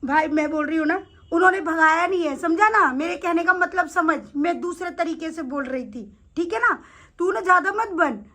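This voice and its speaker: A woman's voice: very high-pitched, moderate pace, pushed and bright. Woman playing a blunt, scolding temple servant. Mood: annoyed. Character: irritated female temple servant, blunt and demanding.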